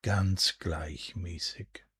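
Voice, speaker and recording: Male, deep and husky, near-whispered sleep hypnosis narration, soothing and unhurried, very dry close sound. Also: steady tone, dry recording. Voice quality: breathy, soft, at times near a whisper. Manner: soothing, hushed, deliberate, with drawn-out pauses. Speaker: hypnosis and relaxation guide.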